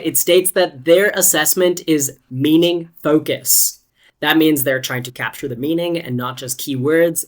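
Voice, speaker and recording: An English test-prep teacher giving a scripted online lesson, explaining step by step with lively rises and falls. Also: mid-range voice. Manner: clear, explanatory, instructive.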